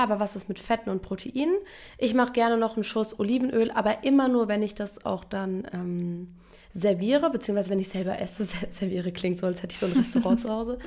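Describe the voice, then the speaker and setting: A woman's voice: fairly high pitch, darkish tone. Chatty young woman explaining recipes. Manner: chatty, explains recipes step by step, addresses listeners directly; playful, teasing, mixes English slang into her talk. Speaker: podcast co-host. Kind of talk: casual podcast chat.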